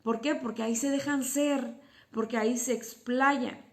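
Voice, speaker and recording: Gravelly-voiced woman teaching about emotions. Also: on the high side, steady tone, moderate pace. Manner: explanatory, with rhetorical questions. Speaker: psychotherapist and teacher. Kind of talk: informal educational talk to parents.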